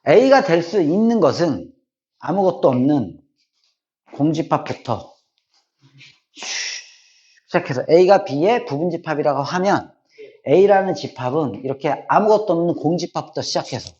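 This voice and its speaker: Lively high-voiced male math teacher. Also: a little slow, long pauses, muffled recording, a little hiss or hum. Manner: lively, repeats key points, checks understanding. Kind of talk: classroom math lecture. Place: classroom.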